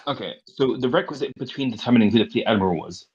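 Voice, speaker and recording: A man's voice: medium pitch, animated, quick pace, darkish tone, husky, muffled recording. A man in a casual debate, methodically explaining his point through step-by-step analogies.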